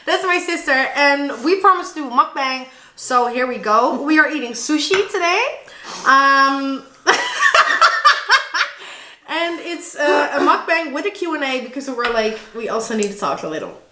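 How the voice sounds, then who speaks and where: A woman's voice: high voice, animated, normal speed, noisy background. A woman in her twenties, a native Dutch speaker, chatting casually with her sister while eating, giggly. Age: 20s. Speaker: vlogger. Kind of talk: casual mukbang chat. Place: home room with family. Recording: echoey room.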